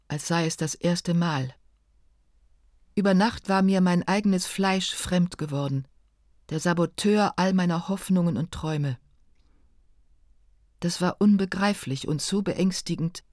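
A woman reading a first-person narration in a calm, measured, reflective way. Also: lowish voice, no room sound, studio quality. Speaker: audiobook narrator.

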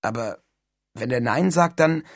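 A man reading an audiobook and voicing a shy, hesitant teenage boy in a subdued, husky voice. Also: medium pitch, expressive, a little fast, no room sound, studio quality. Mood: unsure.

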